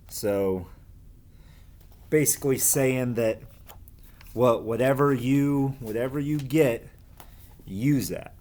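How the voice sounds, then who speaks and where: With a mid-range, darkish voice, a man reads aloud to children as their teacher in a casual lesson. He keeps it informal, explaining things and asking the listeners questions.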